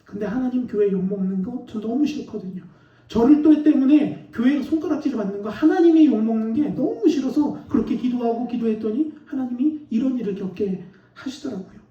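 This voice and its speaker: A man preaching a sermon as a pastor, telling an animated personal story and laughing as he goes. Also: extremely high pitch, fairly quick. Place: church sanctuary. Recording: roomy, distant, dull church recording.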